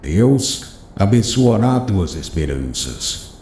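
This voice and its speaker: In an audiobook dialogue reading, a wise, gentle elderly master offers counsel in a deep, warm voice. His delivery is slow and solemn, yet his pitch rises and falls with liveliness. Echo rings through the room around him.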